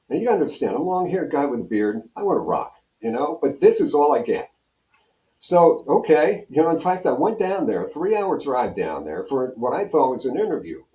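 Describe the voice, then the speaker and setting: A Pennsylvania-born American radio program director and on-air personality, now in his seventies, rambles through casual memories as an interview guest and often says phrases twice. His voice is lowish and mellow, and the recording has a roomy echo.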